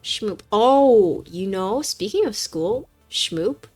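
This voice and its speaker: A young woman streaming a game, chatting in a rambling, animated way and pleading with herself when the game gets tense. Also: mid-range voice, a little slow, soft background music. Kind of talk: casual gameplay chat.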